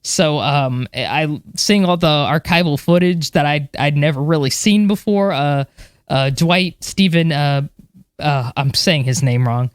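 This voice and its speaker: Chatty woman with a smooth voice. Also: low voice, measured pace, no room sound, clean studio sound. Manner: chatty, animated, many fillers and restarts. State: moved, a little emotional. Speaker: podcast co-host, space history enthusiast. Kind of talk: casual chat.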